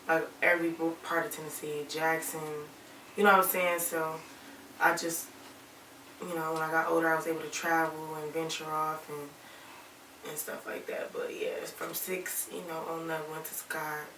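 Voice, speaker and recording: A young woman talks in a relaxed, rambling way, with plenty of "like" and "you know". Her voice sits low but sounds bright. The room is echoey, and she is heard from some distance off the mic. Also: moderate pace, a little hiss or hum. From Alabama, raised in Toledo, Ohio. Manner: relaxed, rambling, many "like" fillers. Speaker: rapper and singer, interview guest. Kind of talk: casual interview chat.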